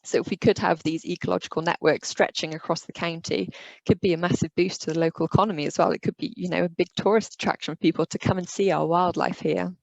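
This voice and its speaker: A woman working as a biodiversity officer walks through her slides in an easygoing webinar talk, with plenty of "um" and "you know." Her voice is croaky and gravelly, and her pitch stays flat. The recording is dry and close. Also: fast, no echo, lo-fi sound. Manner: relaxed, conversational, with frequent "um" and "you know". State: voice going croaky.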